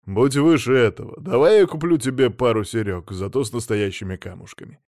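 A man's voice: mid-range voice, a little fast, no echo, clean studio sound, close to an everyday voice. A man voicing a blunt, hot-tempered middle-aged businessman husband. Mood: gruff. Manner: blunt, gruff, loud.

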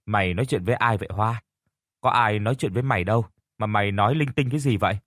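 A man voicing a brusque village mother who speaks briskly and scoldingly, recorded dry. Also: fairly low pitch, fairly bright tone, no room sound.

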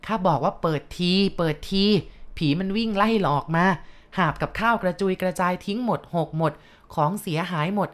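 A woman voicing an old village grandmother in a told ghost story, speaking slowly and homely. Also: lowish voice, natural voice. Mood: shaken. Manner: slow, homely speech. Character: old village grandmother who sells food.

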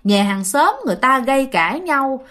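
A woman's voice: high-pitched, expressive, moderate pace, a bit bright. A woman doing a dismissive husband. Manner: brushing off, reassuring. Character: dismissive young husband reassuring his wife.

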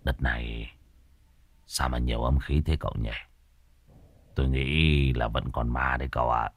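A man voicing a cunning old male exorcist who talks in a low, hushed mutter. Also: fairly even intonation, a little slow, breathy edge, no room sound, full character voice. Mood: uneasy.

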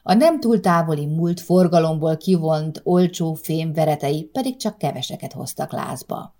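A woman narrating a short story in a calm, measured reading voice. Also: low voice. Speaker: audiobook narrator.

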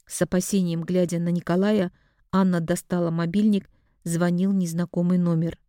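Woman narrator, audiobook read; low, mellow voice, dry close sound. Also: flat delivery, moderate pace, clean tone, dry recording. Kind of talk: scripted narration.

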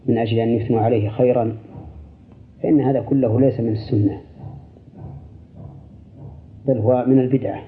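An older male scholar answers listener questions at a steady, deliberate pace, now and then restarting a phrase. His voice sits in a middle register and comes through a thin, tinny radio signal. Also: mid-range voice, a little hiss or hum.

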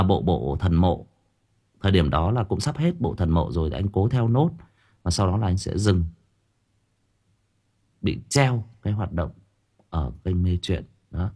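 A man's voice: sits low, warm tone, slightly rough. Guy rambling to his listeners, lots of uhs and repeats, voice jumps all over. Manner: rambling, with frequent hesitations and repeated words. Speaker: audiobook reader chatting with listeners on a livestream. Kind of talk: casual livestream chat.

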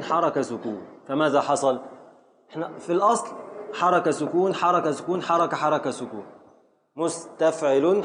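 Egyptian man teaching metre slowly. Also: fairly high pitch, a little hiss or hum. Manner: slowly drawing out words to scan metre, quizzing students. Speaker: teacher of Arabic prosody. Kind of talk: classroom lesson.

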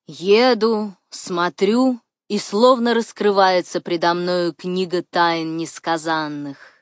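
A woman voicing a talkative old male abbot who enthuses slowly, in a dry recording. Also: on the low side, fairly even intonation, no echo. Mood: enthusing.

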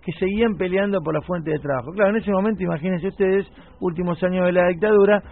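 A man's voice: sits high, fast talker. Argentine man chatting on the radio. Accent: Rioplatense Spanish. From Buenos Aires, Argentina. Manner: conversational storyteller, reminiscing. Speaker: radio host. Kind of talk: casual radio chat. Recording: tinny radio broadcast.

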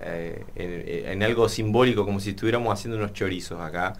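A man's voice: lowish voice, fast talker, creaky, slight background noise. A man hosting a casual radio interview from a studio, friendly and hesitant with frequent restarts. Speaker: radio host.

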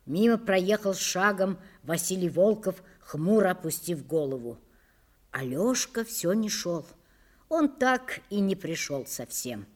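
A woman narrating a historical audiobook with expressive storytelling. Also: mid-range voice.

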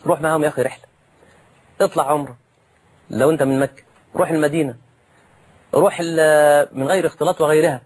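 A man preaching a sermon in an Egyptian accent, lively and direct, calling his listeners brothers and slipping in jokes. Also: on the high side, fast, long pauses, breathy edge. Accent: Egyptian Arabic.

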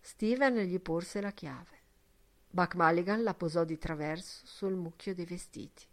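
A woman narrating a literary audiobook in a measured, expressive reading. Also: lowish voice. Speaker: audiobook reader.

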